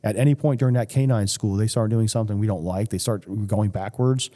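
With a long reverb tail around his warm, lowish voice, a man in his fifties talks fast in a casual podcast interview. He's a police K-9 sergeant who rambles, frequently restarting his sentences and correcting himself.

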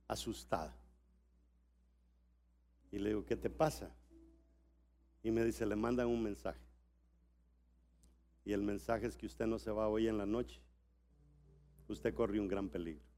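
Preaching at a church conference, the middle-aged Salvadoran speaker uses a mid-range voice. Quiet narrative passages give way to loud, shouted exhortation.

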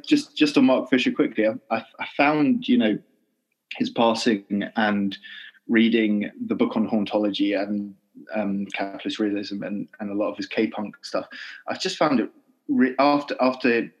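A male poet in a podcast interview, speaking in a thoughtful, halting way with many restarts and fillers. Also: fairly low pitch, rough recording. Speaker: poet guest.

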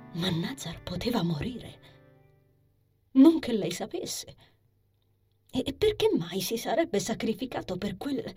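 Expressive woman narrating a fantasy story. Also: lowish voice, slightly rough. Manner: expressive reading that drops into soft whispers. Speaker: audiobook narrator. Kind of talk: scripted narration of a fantasy novel.

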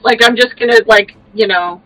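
A middle-aged woman playing a tabletop game, talking in an animated, rambling way full of fillers. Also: fairly high pitch, a little fast, poor audio. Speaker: player. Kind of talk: casual tabletop play.

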